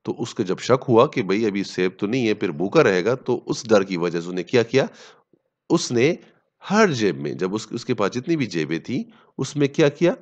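A man teaching a story as a lesson, reading each English line slowly and then explaining it at length with pauses and fillers. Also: lowish voice, very animated, highs cut off. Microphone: voice-over on slides.

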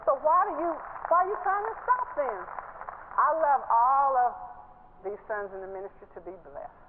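An older woman delivers a sermon from a large church stage. Her high voice climbs when she drives a point home, and she laughs along the way. The sound is narrow and phone-like, with a faint hiss underneath. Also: normal speed. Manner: animated, laughing, rising pitch when stressing points. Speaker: preacher.

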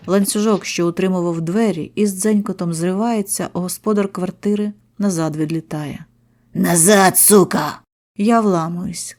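A woman narrates a first-person horror story. She reads in short, clipped sentences with a tense, steady delivery. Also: medium pitch.

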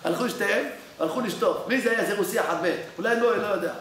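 A man with a high-pitched voice teaches a Torah lesson, telling stories and asking his listeners questions as he goes. He is recorded in a very echoey study hall with a faint hiss underneath. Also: a bit bright. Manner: storytelling, conversational, asks listeners questions. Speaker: rabbi giving a Torah class.

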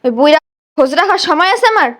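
An actress playing a rude young daughter heading to class, answering back curtly. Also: female voice, high voice, expressive, fast talker, fairly bright tone. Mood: snappish. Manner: curt, snappish.

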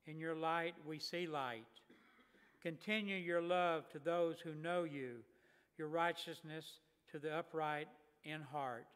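A man reading scripture aloud in a measured, solemn way from a lectern microphone in a church sanctuary. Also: on the high side, a bit bright, clean tone. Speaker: scripture reader. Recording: long church reverb.

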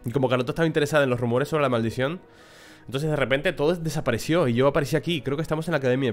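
A man's voice: mid-range voice, natural voice. A man reading an anxious earnest boy. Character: earnest young boy lost in a haunted academy.

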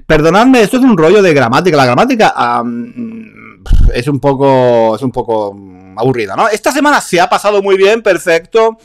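A man's voice: a little high, very animated, normal speed. A man from Spain teaching a live online Spanish class, reading out viewers' comments in a chatty way and repeating phrases.

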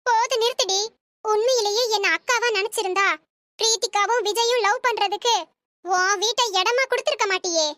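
Woman putting on a shrill scolding mother-in-law. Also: moderate pace, dry recording. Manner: scolding, shouting accusations. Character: angry middle-aged mother-in-law, harsh.

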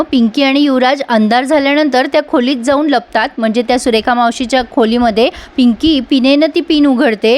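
Woman with a high voice doing a lively episode recap, talks right to her viewers, chatty and quick to react. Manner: lively retelling, addresses viewers directly. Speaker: serial recap reviewer. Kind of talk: casual spoken episode recap.

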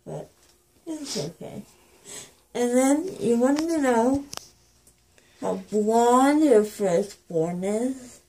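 A woman's voice: on the high side, lively intonation, very slow, pauses often, warm tone. A young woman, dazed and groggy, rambling in casual chat as she comes out of anesthesia. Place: small indoor room, lying on a pillow. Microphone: phone held near, off the speaker.

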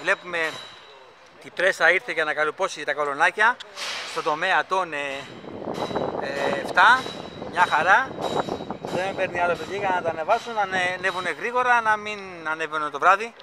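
A man's voice: high-pitched, crowd noise. A man casually narrating a vlog outdoors on a construction site, chatty and enthusiastic, filmed on a handheld camera mic. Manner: chatty, rambling, enthusiastic fan talk. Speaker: vlogger filming a stadium construction site. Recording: loud construction site noise.

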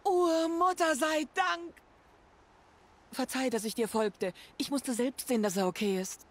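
Caring game sister, kinda husky, gentle and earnest. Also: female voice, high voice, unhurried. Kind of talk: video game dialogue.

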